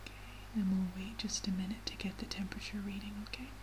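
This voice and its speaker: A woman in a soft, breathy whispered role-play as a medical examiner, giving gentle, reassuring instructions. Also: medium pitch, little pitch movement, quick pace. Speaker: ASMR performer playing a medical examiner. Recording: clearly audible background noise.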